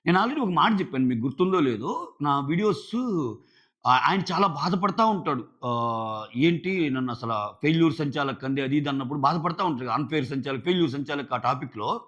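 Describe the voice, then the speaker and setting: A man, talking in a slightly high voice, reviews a show in loose casual commentary. He keeps slipping into quoted lines from the people he discusses. The sound is dull and lo-fi. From India. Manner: animated, acts out quotes of others.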